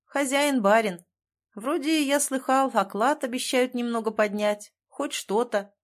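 A woman's voice: on the high side, measured pace, voice pushed up, close to an everyday voice. A woman reading the lines of a cautious, defensive office worker nearing forty who grumbles and placates. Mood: grumbling.

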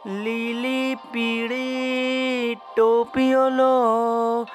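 A man voicing a cheerful male cap peddler who hawks his wares in drawn-out singsong calls. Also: extremely high pitch, level tone, faint music behind, pitched above the performer's own voice, full character voice. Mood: singsong hawking.

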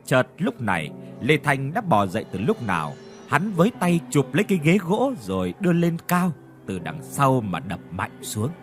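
Guy reading a scary story, lively rising and falling voice, faint music behind. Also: mid-range voice, moderate pace, hardly any pauses. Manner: dramatic, voices characters' cries. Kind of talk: scripted horror narration.

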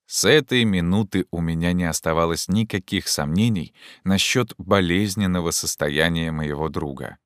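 A man narrating an audiobook in a measured storytelling manner. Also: sits low, no room sound, clean studio sound. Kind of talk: scripted narration.

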